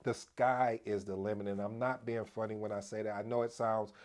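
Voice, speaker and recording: A man hosting a casual explainer video on project management, addressing viewers as family, energetic and prone to restarts. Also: on the low side, a little fast. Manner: restarts and repeats himself as he talks. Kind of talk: casual explainer talk to camera.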